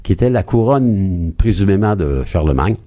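A man with a Quebec French accent, a historian guest telling history in a lively, expressive way on a radio interview. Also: moderate pace. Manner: lively, expressive storyteller with wide pitch swings.

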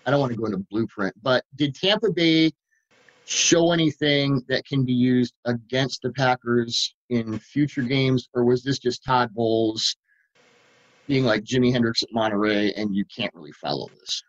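A man co-hosting a football podcast, rambling eagerly through plays and laughing as he goes. He talks at a medium pitch. His audio sounds dull and lo-fi. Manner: excitable, rambling, quick to laugh. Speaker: podcast co-host, football writer. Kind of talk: casual podcast chat.

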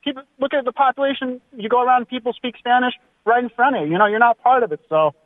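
A man's voice: very high voice, fast, no room sound. A male caller to a talk radio show, worried and rambling, often restarting his sentences. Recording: tinny phone line.

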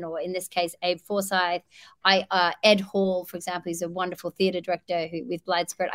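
A woman's voice: lowish voice, no echo. Australian woman, dry close sound. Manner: hesitant, many fillers and restarts. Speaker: actress guest. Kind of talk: casual interview chat.

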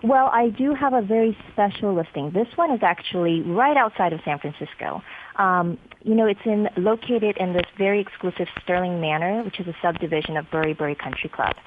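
Upbeat woman caller over a landline phone, tinny and hissy line, chatty pitch. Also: a little fast. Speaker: real estate agent calling in as a guest. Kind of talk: casual radio phone-in chat.

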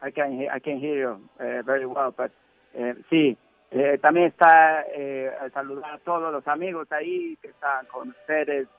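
Man putting on a halting foreign correspondent, phone line. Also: fairly high pitch, animated, dry recording. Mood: halting, playful. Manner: halting, stammering, repeats words. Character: bumbling male British correspondent with halting, accented Spanish. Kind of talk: comic mock radio news report. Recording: thin phone-like line, music behind.

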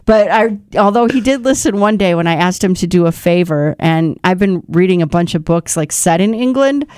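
A chatty woman co-hosting a casual talk show, her voice sitting on the low side. She tells stories easily and laughs along. The sound is close and dry, with no room around it. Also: lively intonation, normal speed, darkish tone, clear, resonant tone, dry recording. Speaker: co-host. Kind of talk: casual chat.

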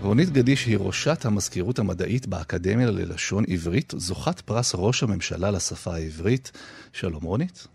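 A man hosting a radio show, narrating scripted personal stories in a measured way with deliberate pauses. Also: low voice, animated, gravelly, a little mellow. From Israel. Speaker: radio host.

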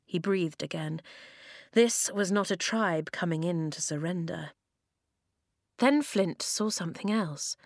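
Expressive woman reading a children's story. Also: fairly low pitch, no echo, studio quality. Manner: expressive, slowing for dramatic moments. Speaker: audiobook narrator.

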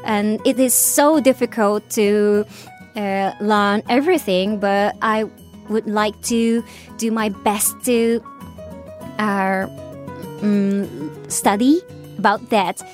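Over soft background music, a Japanese woman hosts a radio show in a medium-pitched, steady voice at a very slow pace. She switches casually between English, spoken with a Japanese accent, and Japanese, often stopping to find words and filling gaps with fillers.

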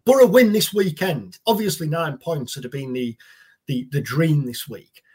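A male pundit offers casual football analysis. His voice is husky and somewhat high for a man. He often doubles back on words as he works out his point. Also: moderate pace, a little mellow. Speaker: sports podcast pundit.

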